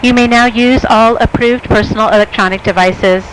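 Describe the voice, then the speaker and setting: A woman speaking as a flight attendant delivers a scripted airline cabin announcement to passengers over airplane engine noise. Her voice is a little high, with fairly even intonation and normal speed, and the audio is poor.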